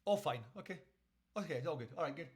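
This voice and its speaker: A man's voice: fairly high pitch, lively intonation, fast talker. A Scottish man, a radio host, telling a story casually on a live stream and checking in with his listeners. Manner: chatty, keeps checking in with listeners.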